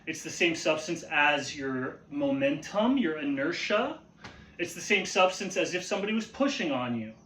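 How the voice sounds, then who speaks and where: A man giving an informal instructional explanation as a martial arts teacher, halting and repeating his phrases as he goes, often checking in with a questioning tag. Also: fairly high pitch, expressive, fairly bright tone, slight background noise. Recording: roomy, echoey sound.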